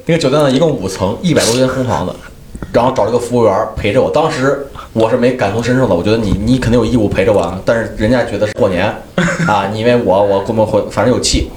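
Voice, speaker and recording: Man, fast lively storytelling, laughs through punchlines, echoey room. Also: lowish voice, a little hiss or hum. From Henan, China. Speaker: comedian. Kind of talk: storytelling in casual podcast chat.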